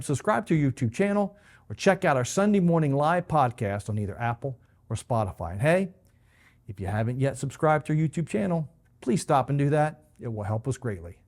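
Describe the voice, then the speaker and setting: A man, a pastor, giving a scripted Bible teaching to camera, explaining clearly with emphatic stresses. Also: a little high, animated, fairly quick, darkish tone.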